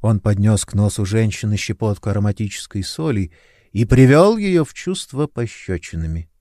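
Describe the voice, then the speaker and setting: A male audiobook narrator reads a dark fantasy with dramatic expression. His pitch rides up and down in lively curves, recorded close and dry with no room sound. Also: moderate pace, no room sound. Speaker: audiobook reader.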